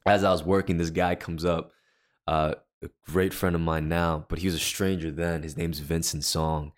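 A man with a deep voice, a worship leader and podcast co-host, tells a personal story in relaxed chat, rambling with lots of fillers and restarts. His pitch barely moves, and his speed is normal.

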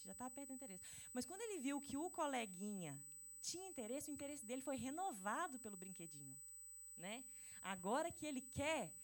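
A middle-aged woman with a Brazilian Portuguese accent, preaching a sermon and chatting directly with her congregation. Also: high-pitched.

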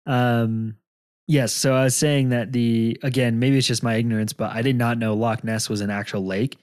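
A man's voice: mid-range voice, fairly even intonation, moderate pace, darkish tone, dry recording. Male podcast co-host, casual and rambling, hesitant, dry close mic. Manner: rambling, hesitant, laughs often. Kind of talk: casual chat.

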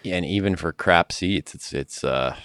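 A man's voice: deep voice, moderate pace, fairly bright tone, clear, resonant tone, no echo, studio quality. A man co-hosting a podcast, easygoing in casual chat and laughing often. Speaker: podcast co-host.

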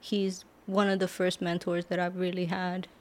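In a podcast studio, an author and medical assistant from Brooklyn, New York, a young adult woman, chats casually in an interview with plenty of "like" fillers. Her voice is on the low side and monotone, at a moderate pace.

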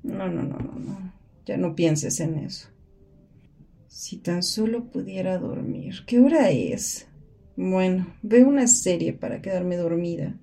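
A woman's voice: fairly low pitch, lively intonation, a little slow. A woman voicing the murmured inner monologue of a drowsy, self-blaming young woman caught in depression. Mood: anxious, self-reproaching. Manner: soft, murmured, sleepy delivery.

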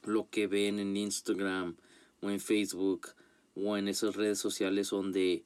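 A man's voice: fairly low pitch, little pitch movement, unhurried, a little mellow, clear, resonant tone. A man, a guest on a casual podcast, who talks hesitantly with many fillers and restarts.

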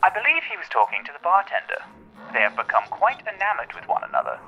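A man voicing a calm, formal android sniper who speaks in stiff, measured phrases during a tabletop role-play. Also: high-pitched, lo-fi sound, faint music behind, full character voice. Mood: deadpan.

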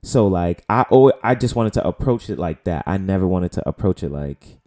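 Brisk and expressive, a man with a low, dark-toned voice hosts his own solo podcast in a casual manner. He's a late-20s New Yorker from the Bronx, and his talk is loose, profane, and rambling, packed with fillers.

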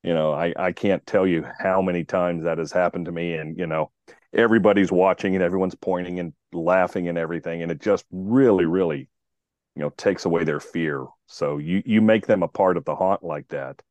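A man's voice: deep voice, a little fast, darkish tone, no room sound, muffled recording. A man hosting a podcast in casual chat, rambling with many restarts. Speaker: podcast host.

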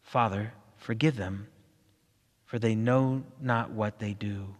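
Brief: male reader as Jesus on trial, calm and solemn, low and slow, in a long-ringing hall.

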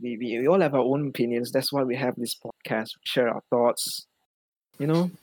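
A man's voice: medium pitch, normal speed, a little mellow, low-quality recording. A young man with a Singaporean accent hosting a casual podcast in colloquial Singlish, using particles like lah and ah. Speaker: podcast host.

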